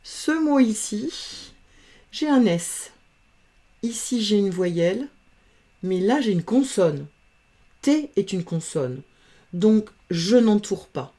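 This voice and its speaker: A woman teaching reading, patiently sounding out letters and syllables in a slow phonics lesson. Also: mid-range voice, big pitch swings, warm tone.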